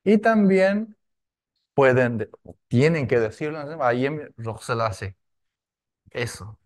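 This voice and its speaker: A man teaching a language class, going slowly and checking often that his students follow. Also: on the high side, very animated, darkish tone. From Argentina. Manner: slow, repetitive, with frequent tag questions.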